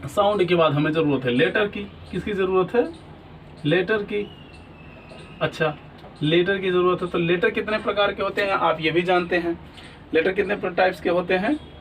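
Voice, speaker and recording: In a classroom English lesson, a man with a high-sitting voice speaks at a moderate pace, asking questions and answering them himself. He keeps checking that students follow, often repeating "ठीक है ना?" The low-quality recording comes from a distant mic and carries some hiss or hum.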